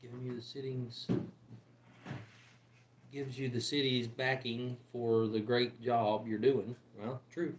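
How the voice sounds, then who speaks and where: A man co-hosting a casual live stream, relaxed and joking, often trailing off mid-thought. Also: medium pitch, slow, pauses often, muffled recording. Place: room in a home. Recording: roomy echo with faint background noise.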